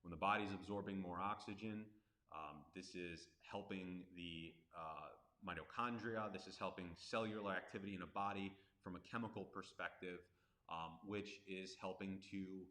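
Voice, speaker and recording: A man's voice: low-pitched, steady tone, moderate pace, pushed and bright. A man working as a breathing coach, talking casually and informally as he explains things on a live stream. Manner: informal, conversational. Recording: roomy, echoing live stream.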